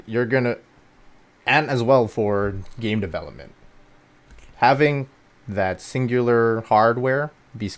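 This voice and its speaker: A man co-hosting a gaming news podcast, talking in an excitable, rambling way with many fillers. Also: fairly low pitch. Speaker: podcast co-host. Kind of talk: casual chat.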